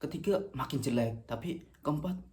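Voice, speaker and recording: A man's voice: a little high, animated, darkish tone. Rambling young Indonesian man chatting between bites. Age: late teens. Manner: rambling, halting, slangy, self-correcting; talking between bites, sometimes with mouth full. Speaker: vlogger. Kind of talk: casual rambling chat to camera while eating.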